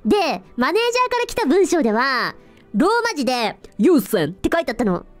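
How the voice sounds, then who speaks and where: High, lively young-sounding woman streamer. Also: fast talker, faint music behind. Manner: animated, giggly, self-deprecating storytelling; refers to herself in third person as captain. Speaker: virtual streamer. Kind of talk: casual livestream chat.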